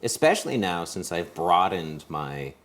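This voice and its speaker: A young man co-hosts a casual chat, rambling and reflective as he searches for his words. His voice is very deep and low. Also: big pitch swings, unhurried, fairly bright tone. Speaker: co-host.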